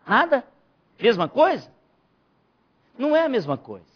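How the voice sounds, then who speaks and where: A man's voice: very high voice, very animated, a little slow. A man, a pastor, teaching a Bible study and stressing key phrases by repeating them. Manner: emphatic preacher, repeats key phrases, rising to near shouts. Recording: dull lo-fi church recording.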